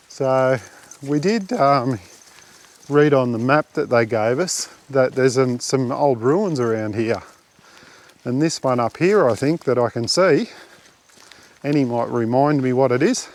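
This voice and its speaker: An Australian man vlogging outdoors on a bush track, chatting in a relaxed, rambling way with lots of fillers into a handheld camera mic. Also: mid-range voice, slow, long pauses. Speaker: camping vlogger. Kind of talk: casual walking commentary.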